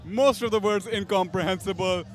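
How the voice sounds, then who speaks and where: A man's voice: high voice, moderate pace, soft background music, a faint crowd. A man giving live fight commentary, enthusiastic and repeating phrases for emphasis.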